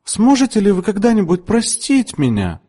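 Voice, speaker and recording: Man putting on a shrill, bossy heavyset matron. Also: huge pitch swings, normal speed, mellow, big-room sound, full character voice. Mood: ecstatic. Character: bossy heavyset older woman customer, imperious. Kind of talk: audiobook character voice.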